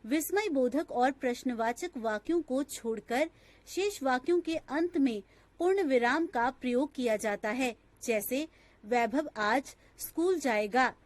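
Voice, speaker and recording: A woman narrating a scripted grammar lesson in a slow, measured, textbook-style reading. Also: high-pitched.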